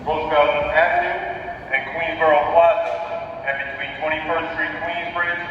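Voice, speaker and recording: A man delivers a formal public service announcement in the style of an airport or station PA. His fairly high voice rings through a long reverb. The sound is distant and instructional, with clear noise around it. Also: animated, normal speed. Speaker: transit announcer. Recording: very echoey, distant, muffled, noisy station PA. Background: train and station noise.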